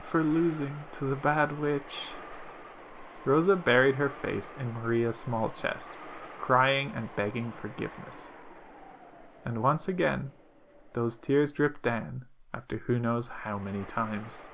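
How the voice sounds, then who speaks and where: A man reading a visual novel aloud in a steady storytelling manner. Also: medium pitch, unhurried, creaky, a little hiss or hum. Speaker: let's play narrator.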